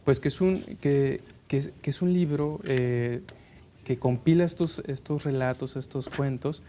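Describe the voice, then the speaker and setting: Male panelist, middle pitch, measured delivery, faint rumble underneath. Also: mellow. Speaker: book discussion panelist. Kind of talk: casual literary discussion.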